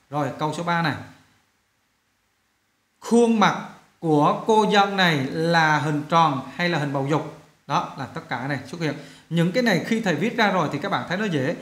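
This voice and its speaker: Man, teacher's lesson voice, fairly high pitch, roomy echo. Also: fairly bright tone. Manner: slows down to read sentences aloud, fills with "đó" and "à". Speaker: English teacher. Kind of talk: classroom lesson explaining sentence rewriting.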